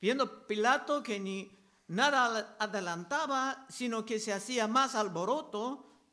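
A man preaching a sermon, reading scripture verses aloud and explaining them slowly and deliberately. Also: extremely high pitch. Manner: slow, deliberate delivery, raising voice for quoted crowd shouts.

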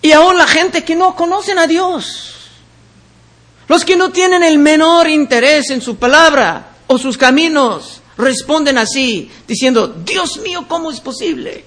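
A man teaching the Bible verse by verse. He reads each passage aloud and then explains it in a deliberate way. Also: very high-pitched, fairly bright tone.

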